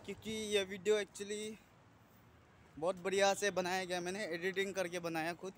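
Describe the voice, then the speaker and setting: A man in his thirties chatting casually to a handheld phone camera as he walks outdoors, rambling and often clearing his throat. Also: sits high, flat delivery, moderate pace, a bit bright. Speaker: vlogger. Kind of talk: casual walking vlog. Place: outdoors on a sunny city street. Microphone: phone camera held at arm's length. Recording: noisy street traffic outdoors. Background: passing traffic.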